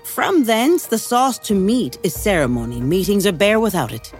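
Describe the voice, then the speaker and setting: A woman's voice: medium pitch, big pitch swings, normal speed, a little mellow, faint music behind, close to an everyday voice. A woman playing a commanding queen, scolding and cutting in Shakespearean verse. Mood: courtly. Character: scornful commanding queen, female. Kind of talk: Shakespearean acting.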